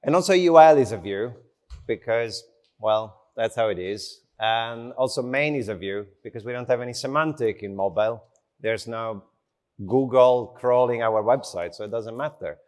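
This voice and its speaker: Guy doing a tech talk, non-native english, takes his time, slow unhurried voice, informal and a bit self-deprecating. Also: medium pitch. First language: not English. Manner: unhurried, slow delivery with short phrases. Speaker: conference speaker. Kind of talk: conference tech talk, conversational. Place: conference stage in front of an audience.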